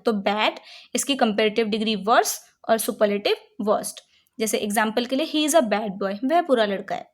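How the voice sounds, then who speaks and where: Lady teacher explaining english grammar in hindi, slightly high voice, keeps asking "right?". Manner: patient, checks understanding with frequent rhetorical questions; reads English rules slowly, then explains them in Hindi.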